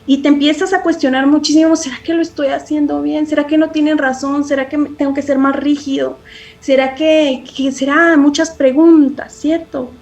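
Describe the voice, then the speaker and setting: A woman with a notably high voice talks through parenting in a podcast interview. She is earnest and reflective, often restarting phrases and tagging questions onto her points. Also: level tone, normal speed, darkish tone. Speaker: parenting guest expert.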